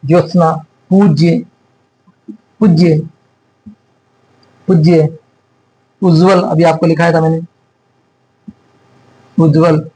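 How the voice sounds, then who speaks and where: A man teaching an exam-prep grammar lesson, slowly repeating and dictating words for students to write. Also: a little high, little pitch movement, dark tone, rough recording.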